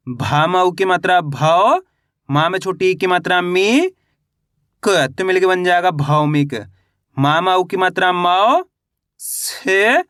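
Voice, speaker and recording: A man's voice: high-pitched, a bit bright, clear, resonant tone, dry recording, clean studio sound. A man teaching a step-by-step reading lesson, asking questions and answering them himself while drawing out each sound.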